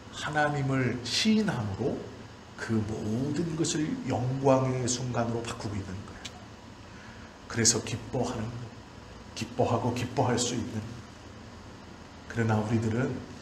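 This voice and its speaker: A pastor in his forties preaches a sermon at a middling pitch in a church hall during a service, building his points through short, emphatic, repeated phrases. His voice echoes noticeably around the room, over faint background noise.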